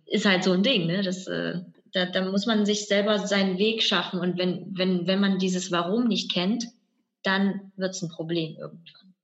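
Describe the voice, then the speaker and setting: A woman in a relaxed interview, circling her thoughts and restarting her sentences as she works through an idea. Her voice sits in a middle register, and the recording sounds a little dull and lo-fi. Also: mid-range voice. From Germany. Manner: reflective, rambling with many restarts and fillers. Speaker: actress and guest. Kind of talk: conversational interview.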